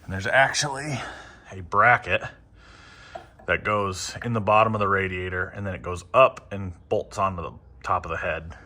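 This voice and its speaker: A man casually talking through motorcycle work in his garage, relaxed and rambling with many ums. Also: low-pitched, moderate pace. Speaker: motorcycle vlogger. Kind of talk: casual how-to narration.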